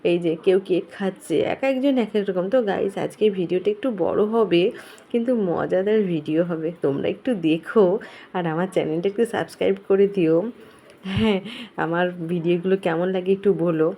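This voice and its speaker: A young woman chatting to viewers in a casual family vlog at home, her voice slightly hoarse, filmed on a phone. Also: on the low side, a little fast, warm tone. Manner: chatty, addresses viewers directly. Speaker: vlogger. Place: home, indoors.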